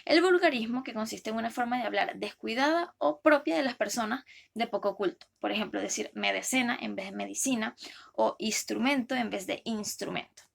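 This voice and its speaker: Young woman student reading, slightly gravelly. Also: a little high, a little fast. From Venezuela. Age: young adult. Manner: steady, careful reading. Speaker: university student. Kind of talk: reading a class presentation.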